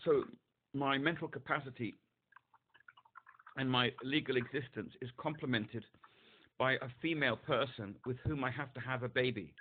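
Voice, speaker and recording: A man's voice: mid-range voice, moderate pace, long pauses, slight background noise. A man on a support phone call, talking hesitantly and searching for words, heard over a phone line. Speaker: caller seeking support.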